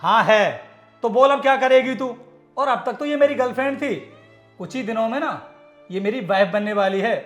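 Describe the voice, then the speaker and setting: A man's voice: very high-pitched, moderate pace, a bit bright, muffled recording. An actor playing an arrogant company manager who scorns his village-born wife, harsh and domineering in a short film drama. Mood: scornful. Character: arrogant man, cheating husband. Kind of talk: Hindi short-film acting. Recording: echoey room, music underneath.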